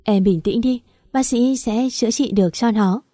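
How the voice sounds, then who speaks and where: A woman reading the lines of a calm, steadying young husband in a storybook narration. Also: on the high side, normal speed, dry recording, lightly acted.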